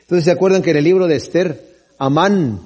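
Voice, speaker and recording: Husky, mellow-voiced pastor preaching. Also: male voice, a little high, a little fast. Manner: reads scripture aloud and explains it conversationally, often asking "right?". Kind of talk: sermon.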